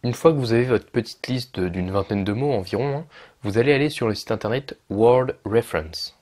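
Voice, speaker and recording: A man's voice: medium pitch, brisk, darkish tone. A young man explaining pronunciation steps in a casual video lesson, with frequent fillers and self-corrections. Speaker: English teacher for French speakers.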